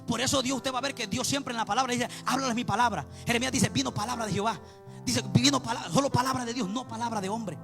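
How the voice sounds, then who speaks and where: A man preaches with fervor in a strikingly high, quick voice, a gravelly rasp running through his words. He leans on repeated refrains and lifts into chanted, sing-song lines. Faint music plays underneath. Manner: impassioned, repeats "mi amado hermano", chants some lines. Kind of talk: sermon.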